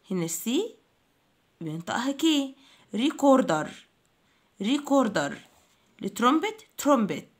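A woman with an Egyptian Arabic accent teaching English words to children, slowly repeating each word and spelling it out letter by letter. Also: fairly high pitch.

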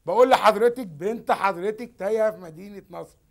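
A man's voice: high-pitched, fast talker, gravelly. An Egyptian man, the target of a hidden camera prank, insisting and growing exasperated. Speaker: prank victim.

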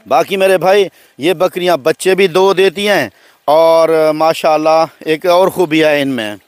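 Holding a phone camera, a middle-aged Pakistani man pitches his goats in a friendly, casual sales vlog out on his farm beside open fields, repeatedly calling the viewer "my brother." The recording is dry.

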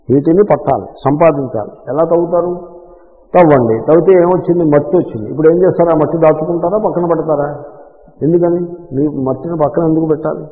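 A man, a swami, leads a scripture discourse in an ashram hall. His voice sits fairly high, and he asks his own questions and then answers them, slowing down for Sanskrit phrases. The recording is tinny and phone-like, with a long echo from the hall. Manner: drops to a soft, low voice at ends of phrases. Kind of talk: Vedanta discourse. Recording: echoey hall, tinny lo-fi sound.

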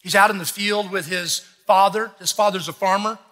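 High-pitched, emphatic male preacher in a hall. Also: fairly even intonation, moderate pace, bright, forceful tone. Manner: emphatic, exhorting, repeats phrases for effect. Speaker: pastor preaching. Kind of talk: sermon. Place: large church stage, indoors.

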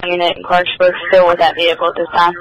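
Man's high, quick call over a police radio. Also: monotone, lo-fi sound, crowd noise. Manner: terse code-number radio talk. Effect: heard over a police radio. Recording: radio with faint noise.

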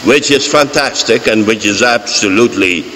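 An older man with a Dutch accent, a priest giving a homily from the pulpit of a large church, slow, deliberate and emphatic. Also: lowish voice, sharp tone. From Netherlands. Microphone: fixed mic on pulpit. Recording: church reverb, faint hiss.

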